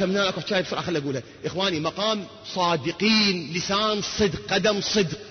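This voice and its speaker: A man delivers a religious lecture in a high, swinging voice that rises and drops constantly. He talks quickly and throws rhetorical questions at his listeners. The recording is muffled, with a long hall echo behind him. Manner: animated, rhetorical questions to the audience. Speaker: preacher. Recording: dull sound with long hall reverb.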